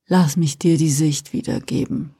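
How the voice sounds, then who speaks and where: In a whispered role-play storybook, Lucifer speaks slowly and softly, as a woman acts him out, a calm fallen angel coaxing with gentle persuasion. The voice is low, dark and breathy, unhurried in every word. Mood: soft persuasive.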